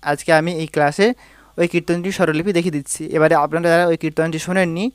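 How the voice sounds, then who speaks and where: A man with a Bengali accent teaches a devotional song on the harmonium, patiently explaining and singing short example phrases. His voice is on the high side, steady, and smooth, his speech rapid-fire, with no echo.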